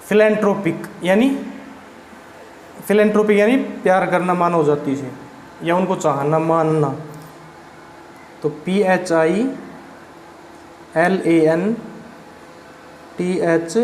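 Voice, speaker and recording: High-voiced man spelling out vocabulary. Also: fairly even intonation, slow, pauses often, a little mellow. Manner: spells words letter by letter, asks and answers his own questions. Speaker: vocabulary teacher. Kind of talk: classroom vocabulary lesson. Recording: echoey room with faint background noise.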